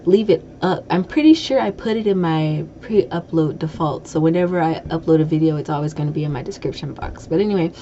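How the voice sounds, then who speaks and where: A woman's voice: low-pitched, brisk, hardly any pauses, dark tone. Chatty woman with a slight lisp. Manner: rambling, chatty, self-correcting with laughs. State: slight lisp from a broken tooth. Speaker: podcast host. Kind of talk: casual chat. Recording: dull lo-fi audio with faint noise.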